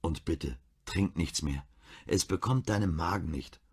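A man voicing a caring woman, a doctor and wife, who speaks gently and pleadingly. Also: low voice, measured pace, slightly rough.

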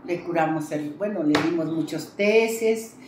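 A woman's voice: deep voice, unhurried, reverberant, background noise. A woman with a Mexican accent, a traditional healer, telling a long story in an interview with many fillers and restarts.

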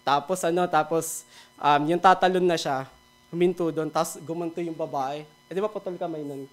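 A man's voice: on the high side, steady tone, moderate pace. A Filipino man giving a daily devotional sermon, switching between Tagalog and English, casual and joking at times. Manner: mixes Tagalog and English, laughs at his own jokes. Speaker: devotion speaker.

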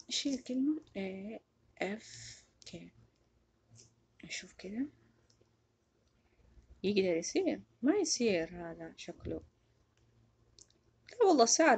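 Brief: woman gamer, chatty and excitable, lively swinging pitch, gravelly husky edge. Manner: chatty, excitable, talks to viewers. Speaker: gaming YouTuber. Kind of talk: casual game commentary.

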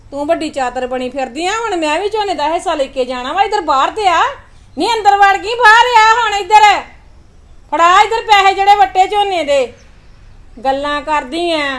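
A woman's voice: high voice, echoey room, lightly acted. A woman playing a nagging older mother-in-law. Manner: scolding, nagging, bickering. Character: sharp-tongued older mother-in-law, quarrelsome. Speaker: actor in a family comedy skit. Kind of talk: Punjabi family drama skit acting.

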